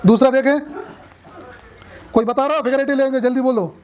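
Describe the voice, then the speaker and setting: A man's voice: extremely high pitch, steady tone, brisk, a little mellow. Male tutor, classroom lecture, casual and talkative, keeps checking students follow. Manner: chatty, asks students questions, jokes. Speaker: coaching class teacher.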